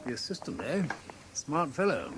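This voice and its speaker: A loyal British doctor and companion in a vintage radio play. The voice is fairly high for a man, earnest and measured, suited to literary narration and polite dialogue. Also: big pitch swings, background noise. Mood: curious. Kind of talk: classic radio drama acting and narration.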